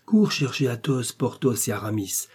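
Brief: man doing a brash young musketeer-type swordsman for an audiobook, mellow low-key tone, a touch husky, quick to command. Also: very animated. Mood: urgent. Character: man playing a young Gascon swordsman, bold and hot-headed.

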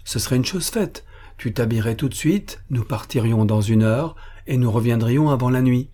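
A man voicing a brisk, decisive middle-aged mother in a storybook reading. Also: mid-range voice, mellow, natural voice.

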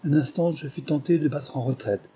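A man reading a memoir aloud in measured, scripted storytelling narration. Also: on the high side, warm tone, husky. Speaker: audiobook narrator.

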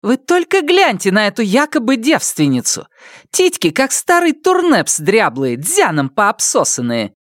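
A brazen, mocking young village woman taunts in a high, raised voice, as a man reading aloud puts her on. The pitch swoops in a lively way and the recording is close and dry, as in a storybook audiobook. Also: measured pace, dry recording, heavily acted. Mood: scornful. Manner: taunting and coaxing.

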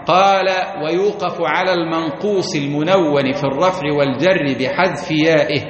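A man with a fairly high voice teaches an Arabic grammar lesson to a room of listeners. He reads a line from the text, explains it, then slowly chants verses and example words. The sound is muffled and lo-fi, with a long echo from a large hall and people present. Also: a crowd in the background. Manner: reads the text aloud, then explains it and asks students questions.

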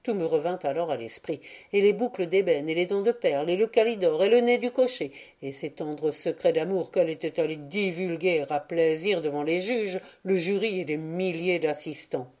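A woman narrating a classic tale for an audiobook in a measured, expressive reading. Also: deep voice. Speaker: audiobook reader.

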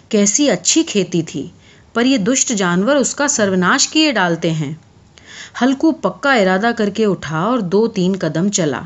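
A woman narrating a literary short story in a steady, measured reading. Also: medium pitch. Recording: dull lo-fi audio.

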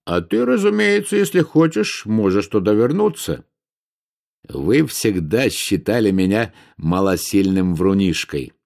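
A man reading an audiobook, voicing a brash, boastful adult prince in a raised, animated voice. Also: lowish voice, measured pace, gravelly, heavily acted.

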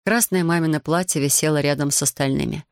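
A woman reading a first-person novel aloud as an audiobook narrator, in a measured, even storytelling manner. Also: sits low, no room sound, studio quality.

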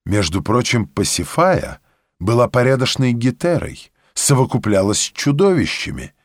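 A man's voice: mid-range voice, very animated, moderate pace, no room sound. A man reading a story, voicing a wry young man who speaks in a dry, teasing way.

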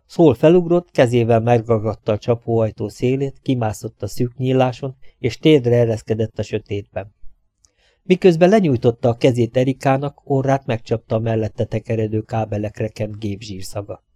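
A man reading a thriller aloud as an audiobook narrator, steady and even. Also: mid-range voice, dry recording. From Hungary. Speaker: audiobook reader.

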